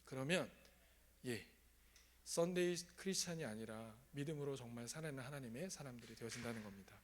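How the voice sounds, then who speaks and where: Guy pastor giving a sermon at church, conversational, keeps asking the crowd stuff, mid pitch. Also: brisk. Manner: asks the congregation questions, conversational. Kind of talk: sermon with personal testimony. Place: church sanctuary.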